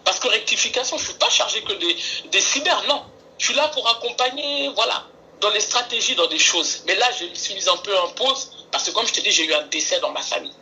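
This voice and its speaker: A woman speaks on a call into a live stream, her voice bright and sharp-edged. She talks earnestly and keeps pleading for calm. A faint hiss sits under her voice. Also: medium pitch, a little fast, poor audio. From France. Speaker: caller.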